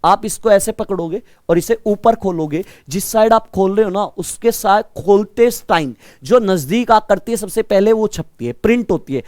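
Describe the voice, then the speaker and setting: A man with a naturally loud voice teaching a live online reasoning lesson, energetic and quizzing his students like brothers. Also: sits high, moderate pace, few pauses, no room sound, studio quality. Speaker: reasoning teacher for exam prep.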